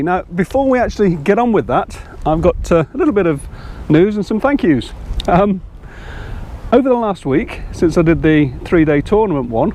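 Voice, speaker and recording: A man's voice: high voice, darkish tone. Chatty older man fishing outdoors. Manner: chatty, rambling, self-deprecating. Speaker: angling vlogger. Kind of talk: casual talk to camera. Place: outdoors by a fishing lake in strong wind.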